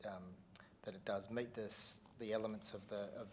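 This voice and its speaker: Careful Australian council CEO, lowish voice. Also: male voice, little pitch movement, moderate pace, a little hiss or hum. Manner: careful, hedged, many fillers. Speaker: council CEO answering questions. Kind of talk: formal official answer.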